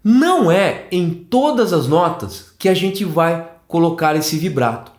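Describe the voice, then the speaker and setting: A Brazilian man gives an online flute lesson, talking the viewer through each step and checking in as he goes. His voice sits high and moves a lot in pitch. The room around him is roomy and echoey. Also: unhurried. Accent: Brazilian Portuguese. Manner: animated, explanatory, checks in with "tá?". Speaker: flute teacher.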